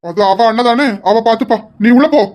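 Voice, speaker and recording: A woman voicing an angry young husband who shouts orders at his wife in a home-made audio drama. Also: mid-range voice, fast talker, close to an everyday voice. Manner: shouting, commanding.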